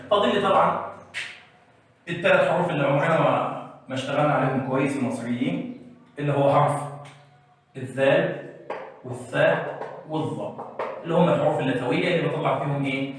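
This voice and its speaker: A man with an Egyptian accent teaching tajweed to exam students, explaining letters and chanting them in a drawn-out recitation style, often checking in with a quick question. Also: fairly high pitch, a little hiss or hum. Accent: Egyptian Arabic. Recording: very echoey room, voice from a distance.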